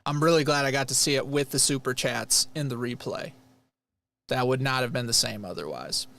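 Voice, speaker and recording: A man from Rochester, New York, hosts a livestream and casually discusses a replay as he reacts. His gravelly, mid-range voice is brisk, and he sounds earnest, animated and prone to rambling.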